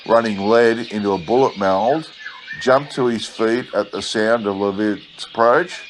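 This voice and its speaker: Laconic, slow-drawling man narrating. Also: on the low side, low-quality recording. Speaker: audiobook reader. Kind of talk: scripted narration of an old bush adventure story. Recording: clear steady background noise.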